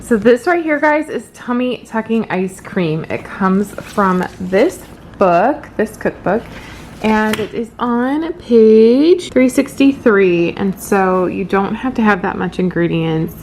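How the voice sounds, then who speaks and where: A woman's voice: mid-range voice, darkish tone, a little hiss or hum. A woman talking casually to viewers in a home cooking vlog, explaining things in an informal, improvised way. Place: home kitchen.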